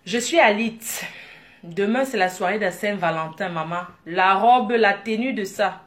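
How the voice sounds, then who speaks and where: A woman from Africa, telling a story in a casual vlog, animated and laughing with excited bursts. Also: medium pitch, unhurried. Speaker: vlogger.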